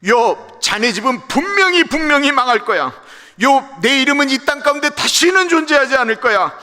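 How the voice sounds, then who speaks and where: A preacher doing a scornful old accuser, his voice pushed high, bright and sharp. He scolds and mocks in a raised tone. The sound rings through a reverberant church hall. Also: animated, moderate pace. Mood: mocking. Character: scornful, accusing ancient male friend of Job. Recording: echoey church sanctuary livestream.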